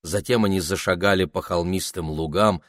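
A man narrating a children's fantasy audiobook in an expressive storytelling manner. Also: deep voice, moderate pace, dry recording, studio quality.

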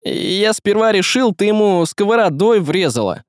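Reader doing a loud slangy young guy, high pitched, dry close mic. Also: big pitch swings, normal speed, no room sound. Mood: worried. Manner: loud, blunt, modern slangy talk. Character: brash, hot-tempered young man.

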